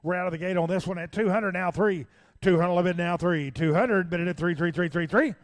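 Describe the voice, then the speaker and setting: Man, auctioneer, slightly high voice, rapid repetitive bid-calling chant, folksy.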